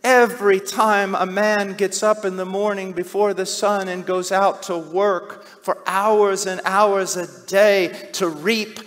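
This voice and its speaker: A middle-aged man preaching a sermon, swinging from hushed, slow passages to loud, shouted cries. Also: sits high, steady tone. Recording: long hall reverb.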